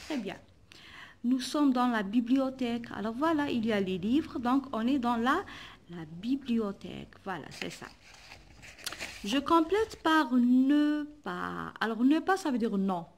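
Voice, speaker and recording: Woman teacher, slightly high voice, patient and repetitive, spells words out. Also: expressive. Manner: slow, patient, repeats words and spells letters aloud. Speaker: primary school teacher. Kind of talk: workbook lesson explanation.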